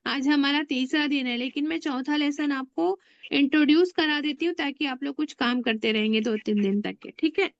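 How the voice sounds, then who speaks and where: A woman's voice: high-pitched, moderate pace, gravelly, no room sound, dull audio. A woman teaching Arabic grammar in an online class, patiently drilling words and asking her students questions. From India. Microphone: online class audio.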